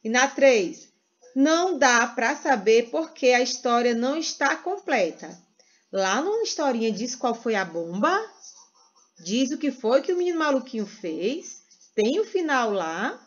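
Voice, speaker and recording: A Brazilian woman teaching first graders in a sing-song way, stretching words slowly for small children. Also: fairly high pitch, sing-song, lo-fi sound. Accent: Brazilian Portuguese. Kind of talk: teaching a recorded lesson to young children.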